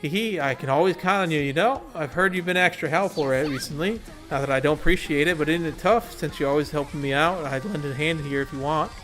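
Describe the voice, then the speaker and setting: A man reading a gentle, grateful schoolgirl. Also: fairly high pitch, fast talker, hardly any pauses, soft background music, natural voice. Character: kind, grateful bookish schoolgirl.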